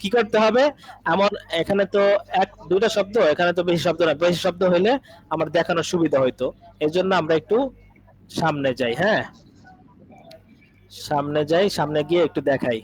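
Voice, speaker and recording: Guy teaching arabic online, pretty high voice, says stuff twice, keeps asking "got it?". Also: brisk, pauses often, breathy edge, rough recording. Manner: repeats phrases, keeps checking if students understand; patient, explains with everyday examples. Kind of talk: online class lecture.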